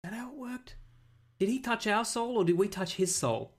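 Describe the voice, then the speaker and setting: A man's voice: high-pitched, expressive, brisk. A man co-hosting a casual podcast chat in an easygoing, agreeable way. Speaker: podcast co-host.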